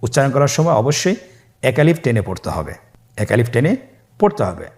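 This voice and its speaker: Patient man teaching letter sounds. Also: mid-range voice. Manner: drawn-out letter sounds, asks listeners to repeat after him; calm, patient, with frequent pious interjections. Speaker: Quran reading teacher. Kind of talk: step-by-step recorded lesson.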